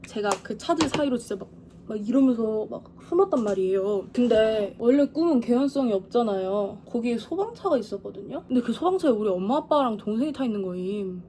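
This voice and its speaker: A young woman tells a story to her vlog audience in a fairly high voice. She is animated and acts out quotes, sometimes shouting and sometimes whispering. Faint noise sits under the recording. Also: brisk. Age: 20s. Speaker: vlogger. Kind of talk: casual storytelling.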